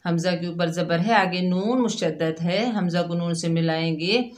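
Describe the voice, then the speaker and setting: A woman teaching Quran recitation rules step by step, explaining each letter and then sounding out the syllables slowly. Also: fairly low pitch. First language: Urdu. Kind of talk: slow step-by-step tajweed lesson.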